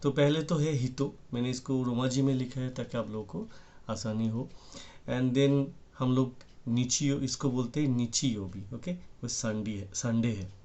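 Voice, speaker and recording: A man's voice: medium pitch, fairly even intonation, unhurried, warm tone. A man teaching vocabulary in a casual, explanatory way, repeating himself as he writes. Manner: explanatory, repeats "ठीक है" often, mixes in English words. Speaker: Japanese language teacher. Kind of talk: casual spoken lesson, explaining while writing.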